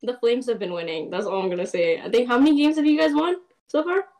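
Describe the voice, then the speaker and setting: A woman's voice: fairly high pitch, fast, crowd noise. A young woman from Canada, chatting and teasing playfully on a video-call date. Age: young adult. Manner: chatty, teasing, laughs easily. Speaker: dating show contestant. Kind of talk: casual chat on a video call. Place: bedroom, indoors.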